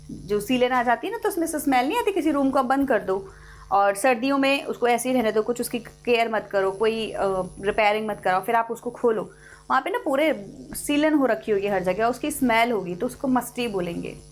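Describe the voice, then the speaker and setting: In a live online lesson, a young Indian-accented woman with a fairly high voice walks students through an English text, explaining in a blend of Hindi and English. English passages are read aloud slowly, with faint soft music behind her.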